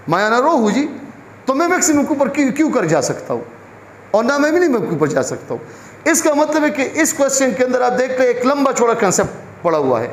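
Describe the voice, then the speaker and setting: A man teaches a biology class. He asks questions and answers them himself. The room is echoey, with faint ambient noise behind him. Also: extremely high pitch. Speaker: biology lecturer. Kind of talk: classroom lecture.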